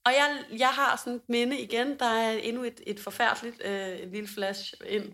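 A young woman telling a story in casual podcast chat, animated, with lots of fillers and laughter in her voice. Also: a little high. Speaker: podcast co-host.

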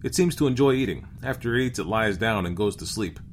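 A meek spaceship crewman in a storybook tale, put on by a man narrating. He sounds deferential and apologetic, with his pitch nudged upward as he explains himself nervously. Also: lively intonation, fast, a little hiss or hum, lightly acted. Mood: eager, nervous.

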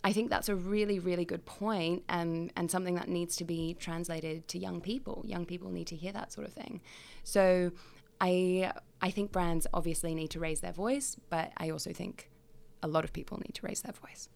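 A young woman in her twenties argues firmly on a podcast panel. Her voice sits low with a gravelly edge, and she stacks up examples to drive her point home. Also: steady tone, normal speed, darkish tone. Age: 20s. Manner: emphatic, builds lists of points. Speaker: podcast guest. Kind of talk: panel discussion.

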